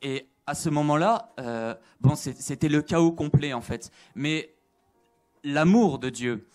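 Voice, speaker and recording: Earnest higher-voiced man giving testimony. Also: takes it slowly, a little mellow. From Italian. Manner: earnest, repeats phrases, hesitant fillers. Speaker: testimony speaker. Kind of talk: emotional religious testimony.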